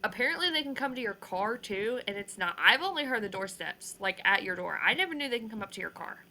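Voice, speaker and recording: A woman's voice: medium pitch, animated, fast, sharp tone. A young adult woman co-hosting a casual podcast, giggly and chatty, saying "like" and "ew" often. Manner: giggly, says "like" and "ew" a lot. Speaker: podcast co-host. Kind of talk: casual chat.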